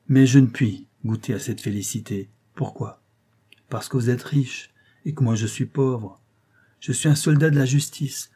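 A grave, dutiful detective speaks in measured, serious tones, read by a man in an audiobook. His voice is mellow and dark, slightly husky. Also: mid-range voice. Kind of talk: audiobook reading.

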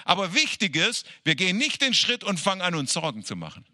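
Man, pastor, sermon, animated, repetitive direct address, rather high voice, dry sound. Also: a little fast, no room sound. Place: church evening service.

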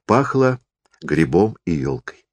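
A man calmly reading a classic story aloud, with measured storytelling. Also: low voice, dry recording. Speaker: narrator. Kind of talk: literary audiobook reading.

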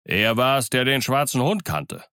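A man voicing a gruff, blunt old weather-beaten sailor in an audiobook. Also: mid-range voice, animated, a little slow, dry recording, studio quality, pitched above the performer's own voice. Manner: blunt, loud outburst.

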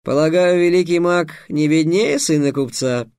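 Мужчина-чтец озвучивает хитрого, жадного работорговца средних лет, который торгуется льстиво и с показным благочестием. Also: male voice, on the high side, normal speed, a little mellow, no room sound, studio quality, voice pushed up, close to an everyday voice. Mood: sly. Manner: smooth, bargaining, mock-pious. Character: sly, greedy middle-aged male slave trader.

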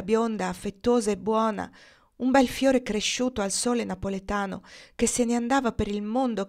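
Woman reading a novel aloud. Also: mid-range voice. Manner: expressive reading, lifts her voice for the dialogue. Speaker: audiobook reader. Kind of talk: literary audiobook narration.

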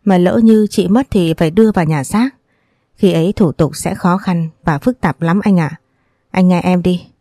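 A woman voicing a practical middle-aged woman who works in health care, softly persuading a relative. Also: fairly low pitch, normal speed, dry recording. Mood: coaxing. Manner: soft, persuasive.

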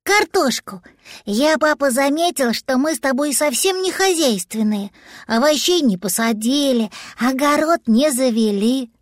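Woman doing a high sweet little boy dragon. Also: lively intonation, measured pace, dry recording, clean studio sound. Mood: childlike. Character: small childlike boy dragon, earnest and trusting.

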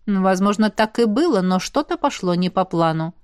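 A woman's voice: medium pitch, animated, clear, resonant tone, no echo, clean studio sound, natural voice. A woman doing a curt, guarded young man. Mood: reserved. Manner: curt, grumbling, measured. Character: reserved young man, gruff investigator older brother. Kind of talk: audiobook character voice.

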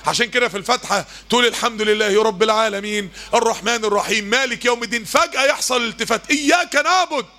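An Egyptian man gives a mosque lesson at a quick clip. His voice sits high and sounds bright and forceful, and he drives each point home with rhetorical questions and emphatic repetition. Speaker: preacher.

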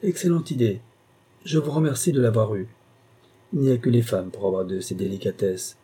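A man voicing a frail elderly marquis who speaks gently and gratefully. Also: fairly low pitch, fairly quick, breathy edge. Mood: touched.

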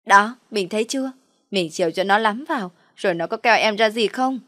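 A woman's voice: mid-range voice, brisk, bright, forceful tone, no echo, lightly acted. Woman voicing a smug taunting concubine. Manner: wheedling, taunting. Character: smug pregnant young concubine, showing off.

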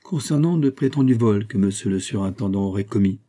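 A resolute young king from a read-aloud novel holds the room with firm, commanding speech. A man voices him in his own low, dark, husky register, lifted only a little for the royal lines. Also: fairly quick, close to an everyday voice. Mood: insistent.

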